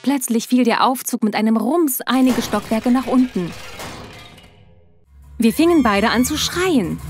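A woman's voice: fairly high pitch, a little mellow. A young woman telling a first-person story in dramatic, emotive scripted narration on a close mic.

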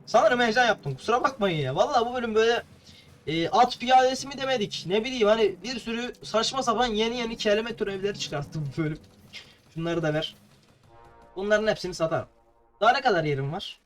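A man's voice: high-pitched, quick pace. A young man from Turkey giving playful, chatty gameplay commentary to his viewers, a little tongue-tied. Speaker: gameplay streamer. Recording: faint game music behind.

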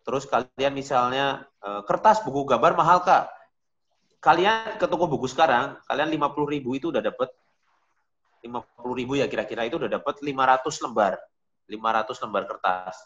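A man's voice: medium pitch, a little fast, a bit bright, dull audio. A man teaching a beginner digital painting class, talking casually and directly to his students. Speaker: art teacher.

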